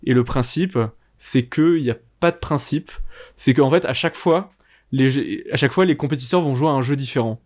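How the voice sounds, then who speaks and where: A man's voice: mid-range voice, brisk. Enthusiastic man recommending shows. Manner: enthusiastic, hesitant with fillers. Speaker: podcast co-host. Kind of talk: casual chat recommending shows.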